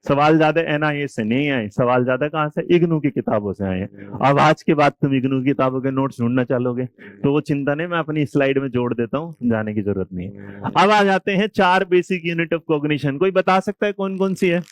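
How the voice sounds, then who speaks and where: Male teacher, from India, live classroom lecture; teasing, quizzing manner; smooth, slightly high voice. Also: fairly quick, dry recording. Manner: lively, quizzes and teases students.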